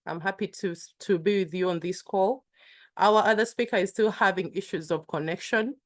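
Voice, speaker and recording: A woman's voice: medium pitch, moderate pace. A woman moderating an online panel, speaking with frequent fillers and restarts. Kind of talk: webinar moderation. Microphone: video call.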